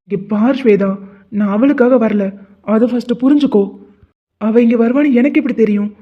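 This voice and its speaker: A man voicing an irritated young husband in an animated drama, curt and dismissive. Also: extremely high pitch, normal speed. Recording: tinny phone-like sound.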